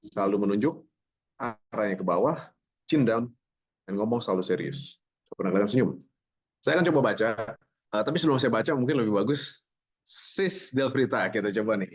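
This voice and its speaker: A lively man leads a speaking workshop, joking with his students and slipping English terms into his explanations. His voice sits a little low, and the recording sounds slightly muffled and lo-fi. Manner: energetic, joking, mixes English words into his talk. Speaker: public speaking trainer. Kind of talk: online voice workshop.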